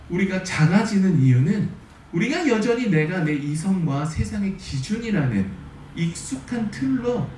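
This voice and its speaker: A man's voice: sits high, a little hiss or hum. A man pastor preaching a sermon, telling the story vividly and acting out the voices of the people in it. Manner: animated storytelling, acts out quoted voices. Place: church sanctuary. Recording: roomy sanctuary sound from a distant mic.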